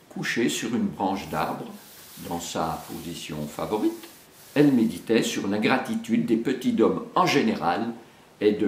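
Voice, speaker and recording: Homme qui lit un conte, lent et expressif. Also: male voice, fairly low pitch. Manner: slow, expressive storybook reading. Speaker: storyteller for children. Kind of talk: reading a children's story aloud. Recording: echoey room.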